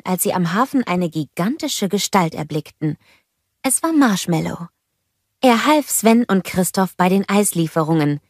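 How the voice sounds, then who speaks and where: A woman narrating a children's audiobook in a slow, animated and playful way, close to the microphone. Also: fairly low pitch, no echo. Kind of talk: scripted storybook narration.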